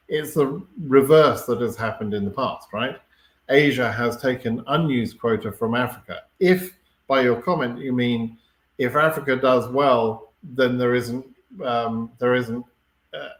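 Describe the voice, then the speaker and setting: A man hosting a live question-and-answer stream, explaining things in a relaxed way and often checking in with "right?" and fillers. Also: mid-range voice, echoey room. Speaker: host answering viewer questions. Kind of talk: live Q&A chat.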